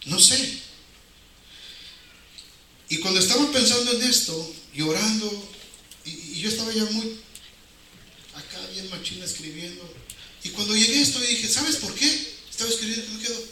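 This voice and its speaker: A Mexican-accented male preacher gives an informal evangelical sermon, his high-pitched voice pushed and bright at normal speed, broken by long pauses. He talks colloquially and emphatically, posing rhetorical questions and repeating phrases. The recording is distant, noisy and heavily reverberant, made in a very echoey hall.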